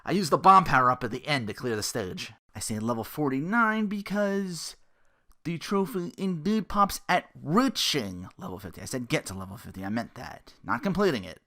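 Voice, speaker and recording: Speaking at a normal speed in a voice on the high side, a male podcast host rambles casually about games. His commentary is full of animated asides and little quotes he acts out.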